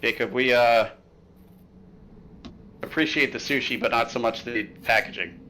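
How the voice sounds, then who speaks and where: A man's voice: mid-range voice, fairly even intonation, moderate pace, bright, forceful tone, slight background noise, rough recording. A man running a tabletop horror game, recapping the story in casual livestream chat, joking and rambling with lots of filler sounds. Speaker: game master.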